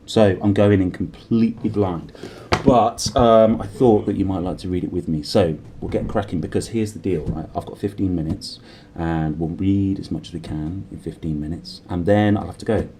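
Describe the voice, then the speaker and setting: The storybook host's voice comes across low here, at a moderate pace, with a little noise behind it. He leans into dramatic, lively expression and addresses the listener directly, moving from casual chat into reading the children's novel.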